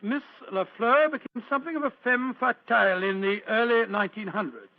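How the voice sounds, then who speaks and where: An actor playing an elderly, courteous British Doctor Watson in a vintage radio drama, chuckling and hesitating as a storyteller. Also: male voice, high-pitched, animated, fairly quick. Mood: reminiscing. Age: older. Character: genial, doddering elderly Doctor Watson, storytelling old gentleman. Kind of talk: 1940s radio acting. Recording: dull, lo-fi old radio recording.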